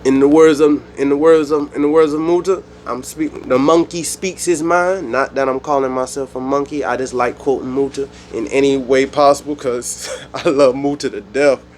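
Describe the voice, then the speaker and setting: A man from the United States hosting his own channel, speaking his mind in a rambling, animated monologue with frequent restarts. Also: mid-range voice, moderate pace, hardly any pauses, a little hiss or hum. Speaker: YouTube channel host. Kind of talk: solo opinion monologue.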